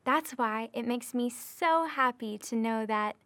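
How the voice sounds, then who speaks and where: A woman's voice: a little high, measured pace, a bit bright, no echo. A young woman hosting a children's video as a cheerful librarian, with a sing-song manner meant for small kids.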